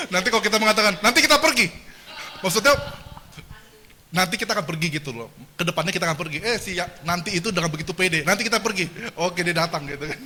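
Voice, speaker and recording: A man giving a lively seminar lecture, asking the audience questions and joking with them. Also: high voice, slight background noise. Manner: animated, engages the audience with questions and jokes. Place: lecture hall.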